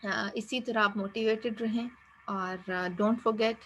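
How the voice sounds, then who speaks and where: A woman's voice: mid-range voice, fairly even intonation, lo-fi sound. A woman giving an encouraging Islamic course lecture, slipping English phrases into her talk. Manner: gentle, encouraging, mixes English into Urdu. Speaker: Islamic studies teacher.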